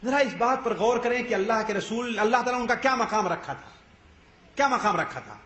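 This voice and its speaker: A man's voice: very high voice, fairly bright tone. A male preacher giving a religious lecture, asking rhetorical questions and answering them himself. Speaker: Islamic preacher. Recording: echoey room.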